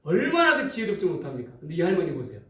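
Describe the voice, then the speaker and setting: Pastor, male, emphatic sermon storyteller, high voice, heard from a distance. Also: wildly swooping pitch, racing, a bit bright. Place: church sanctuary. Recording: echoey hall, distant mic.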